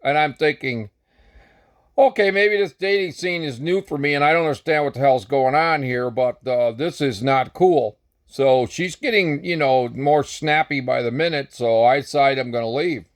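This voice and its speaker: A man's voice: medium pitch, normal speed. An older American man telling a long, rambling dating story in a casual, blunt and sometimes profane way. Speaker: vlogger.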